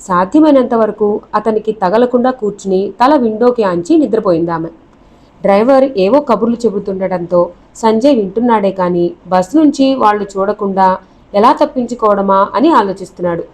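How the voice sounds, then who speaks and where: A woman narrating a novel aloud with expressive storytelling. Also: mid-range voice, moderate pace, low-quality recording.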